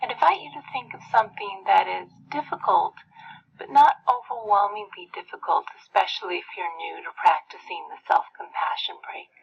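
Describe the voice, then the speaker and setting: A woman leading a guided meditation in a soft, breathy, almost whispered way with gentle pauses. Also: mid-range voice, animated, slight background noise. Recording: muffled lo-fi playback.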